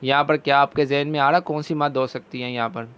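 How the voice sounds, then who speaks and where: Smooth-voiced man teaching Quran recitation. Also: mid-range voice, steady tone, a bit bright. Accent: Pakistani Urdu. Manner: slow drawn-out chanting of verses between brisk explanations. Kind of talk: recitation lesson.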